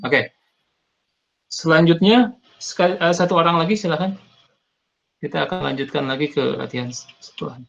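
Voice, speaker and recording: A man teaching an online Arabic class over a video call, patient and corrective, often pausing with "eh". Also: on the high side, vocal fry. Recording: muffled video call audio.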